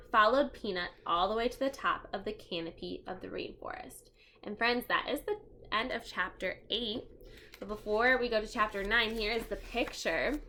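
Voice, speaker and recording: This expressive read-aloud for children comes from a woman at medium pitch who addresses listeners as friends and explains the story as she goes. A faint hiss or hum is audible.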